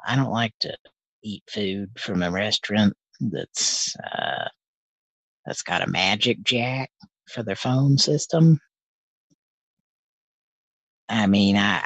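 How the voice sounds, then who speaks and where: A man leaving a voicemail message, speaking in a halting, hesitant and apologetic way with deadpan comedy. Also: fairly low pitch, no echo, highs cut off. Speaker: live stream host making prank calls. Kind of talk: deadpan prank-call comedy.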